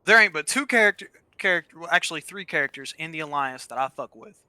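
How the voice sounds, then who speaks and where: Talking fast with lively intonation, a man co-playing on a gaming channel spins blunt, profane stories as he plays. His voice is a little high, sharp and smooth, with no echo.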